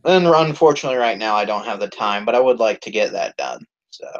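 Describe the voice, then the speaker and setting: A man's voice: lowish voice, expressive, fast. A man hosting his own channel's live stream, chatting casually and rambling with lots of swearing and fillers. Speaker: YouTube channel host. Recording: dull lo-fi stream audio.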